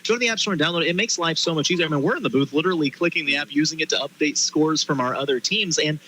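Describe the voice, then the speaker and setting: A man hosting a live high school sports halftime show from a booth, chatting and giving promos. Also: racing, sharp tone, slight background noise, poor audio. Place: stadium press booth.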